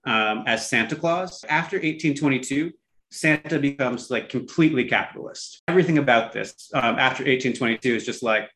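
Casual, wry man explaining things, mid-pitched. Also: a little fast, bright, forceful tone, a little hiss or hum. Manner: conversational, wry, irreverent. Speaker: co-host.

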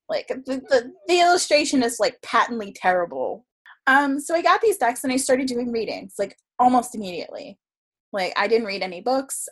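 A woman telling stories in casual conversation, chatty and animated, laughing often and full of fillers. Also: on the high side. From South Florida region of the United States. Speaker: podcast guest, tarot reader.

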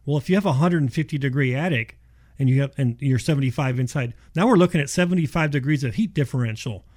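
A man's voice: medium pitch, fast talker, a little mellow. A man speaking as a contractor guest in a casual radio interview, explaining in a folksy way and repeating himself for emphasis. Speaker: insulation contractor, show guest.

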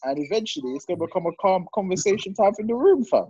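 A young man with a London roadman accent and a husky voice, bantering bluntly in street slang and repeating himself for emphasis. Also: high-pitched, animated, fast, dark tone, muffled recording. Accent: London, urban street slang. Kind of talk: casual group banter.

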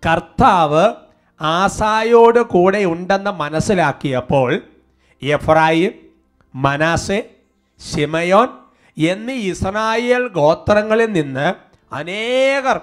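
High-pitched male preacher with a sermon delivery and soft music in the background. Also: takes it slowly, long pauses. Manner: fervent prayer, then steady teaching. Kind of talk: sermon with prayer and worship.

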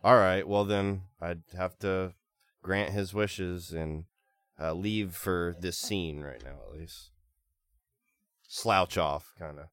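A man playing a tabletop game, casually describing his character's actions in a joking, halting way. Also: low voice, steady tone, a bit bright, clear, resonant tone, no echo.

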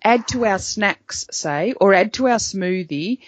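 A woman's voice: medium pitch, expressive, a little slow. A woman hosting an interview, asking curious questions and sharing anecdotes about feeding her family. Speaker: host. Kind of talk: casual interview chat. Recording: dry, dull lo-fi audio.

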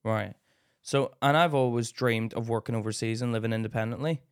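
A man's voice: mid-range voice, fairly quick, clear, resonant tone, dry recording, clean studio sound. A man co-hosting a casual podcast, teasing his co-host, laughing often and reading listener emails aloud. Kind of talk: casual banter.

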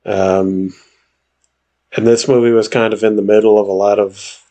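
Low-voiced man joking on a podcast. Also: level tone, normal speed, dark tone. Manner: jokey, laughs at his own puns. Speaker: podcast co-host. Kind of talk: casual chat.

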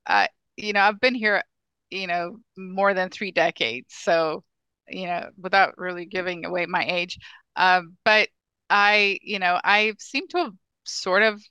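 A woman's voice: on the low side, lively intonation, unhurried, sharp tone, clean tone, dry recording, rough recording. A woman from Ethiopia with a mixed Ethiopian and Midwestern accent, a native Amharic speaker, answering podcast interview questions earnestly with many restarts. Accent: mixed Ethiopian and Midwestern American. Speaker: guest, government technology official.

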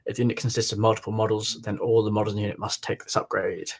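Fast man reading out game rules. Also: fairly low pitch, little pitch movement. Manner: brisk rule-reading, matter-of-fact. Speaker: podcast co-host. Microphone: remote call.

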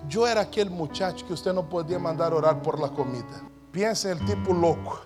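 A male preacher with a high-pitched voice delivers a lively sermon, telling personal stories that swing from quiet asides to shouted exclamations. Soft instrumental music plays faintly behind him. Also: a little fast. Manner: animated storytelling with shouted exclamations.

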